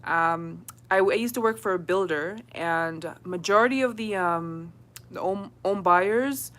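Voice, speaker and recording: Chatting live with her viewers, a young livestream host responds to comments and laughs frequently in a casual way. She speaks at a measured pace in a low-leaning, slightly bright voice.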